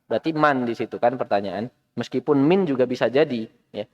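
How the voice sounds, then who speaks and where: A man's voice: mid-range voice, fairly quick. Indonesian guy teaching arabic at a mosque, patient, quizzes the class, kinda muffled audio. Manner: patient, asks the class questions.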